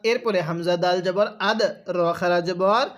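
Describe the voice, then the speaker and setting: Man teaching Quran recitation, unhurried, stretching each syllable for students to copy. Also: high voice, steady tone, fairly bright tone. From Bangladesh. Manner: patient, drawn-out syllable-by-syllable recitation. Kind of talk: spelling out and reciting verses for learners to repeat.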